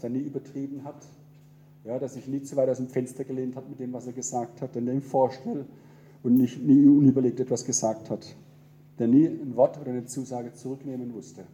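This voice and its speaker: A man preaching a sermon in a church, earnest and gentle, repeating key phrases. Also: medium pitch. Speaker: pastor.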